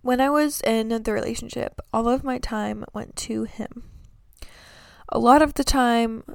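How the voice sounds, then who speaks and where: A woman's voice: a little high, steady tone, measured pace, vocal fry, clear, resonant tone, no room sound, studio quality. A young woman chatting to camera about her life, earnest and sleepy, with many fillers. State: sleepy, yawning. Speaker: vlogger giving breakup advice. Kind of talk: casual chat to camera.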